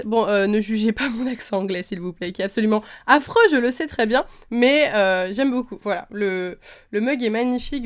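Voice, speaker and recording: A young woman from France talks through her collection in a relaxed vlog. Her voice sits a little high. She gushes, chats loosely and scatters fillers and slang as she goes. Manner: gushing, chatty, full of fillers and slang. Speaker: YouTuber showing her collection. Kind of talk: casual show-and-tell vlog.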